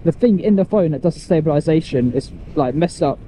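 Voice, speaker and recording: A man rambles cheerfully to his viewers while out on his motorbike, walking through the details one step at a time. His voice sits a little high but sounds very dark and mellow. Faint road and traffic noise hums under the helmet mic. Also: animated, a little fast, rough recording. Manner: chatty, rambling, explains step by step. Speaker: motorcycle vlogger. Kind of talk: casual chat to camera while riding.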